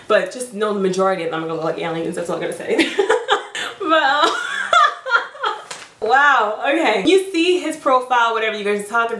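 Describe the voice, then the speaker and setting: A young adult woman giving frank dating advice in a casual vlog, chatty and quick to laugh. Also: medium pitch, a bit bright, a little hiss or hum. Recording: roomy, distant mic.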